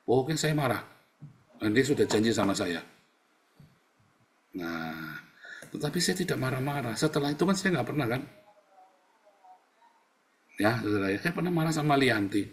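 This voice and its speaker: A male pastor preaching a casual sermon, talking to the congregation in a conversational, animated way with rhetorical questions. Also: mid-range voice, moderate pace, pauses often, a little hiss or hum.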